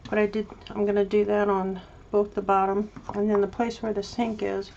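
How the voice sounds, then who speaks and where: A woman chatting through a paper craft project, her voice gravelly and fairly flat, wandering from one thought to the next. The recording is a little dull, with a faint hiss underneath. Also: mid-range voice, moderate pace. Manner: rambling, hesitant, chatty with many restarts. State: mouth full of candy. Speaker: crafting vlogger. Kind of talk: casual show-and-tell craft video.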